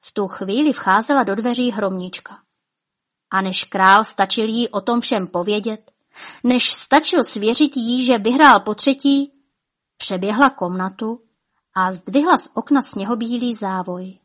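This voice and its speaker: A woman narrating a fairy tale in a rhythmic, dramatic way, with soft drops in her voice. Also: fairly high pitch. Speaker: storyteller. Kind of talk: expressive fairy-tale reading.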